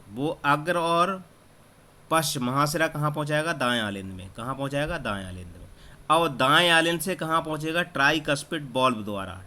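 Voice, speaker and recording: A man's voice: a little high, pushed and bright. A man teaching an exam-prep lesson, who asks a question, then answers it himself and repeats each key term. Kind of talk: exam-prep lesson over screen recording. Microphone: screen-recording app mic.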